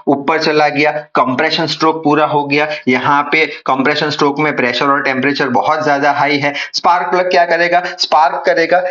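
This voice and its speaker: A man's voice: on the high side, fairly bright tone, highs cut off. A young man teaching an engineering class, asking questions and answering them himself, often repeating the key points. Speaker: engineering tutor. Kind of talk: whiteboard lecture.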